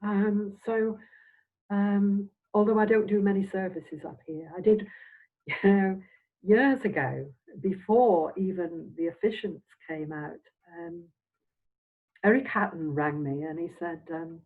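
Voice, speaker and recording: The interview guest is an older Scottish woman, a semi-retired Spiritualist minister and medium, speaking in a mid-range voice. Her reflective, anecdotal reminiscences come out halting and meandering, with trailing phrases, captured on dull, phone-like audio.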